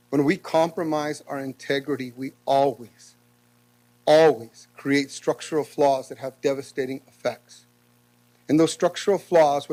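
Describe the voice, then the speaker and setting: A man's voice: a little high, a little mellow, poor audio. Earnest man exhorting a city council. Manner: earnest, exhorting, preacher-like cadence. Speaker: public commenter. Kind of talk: impassioned public comment. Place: council chamber.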